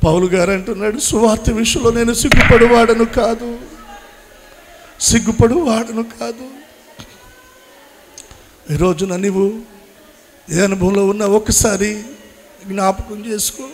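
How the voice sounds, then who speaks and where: High-voiced pleading pastor, man. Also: a little slow, long pauses, a little hiss or hum. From Andhra Pradesh, India. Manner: pleading, repetitive, rising and falling in intensity. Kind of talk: emotional sermon and prayer.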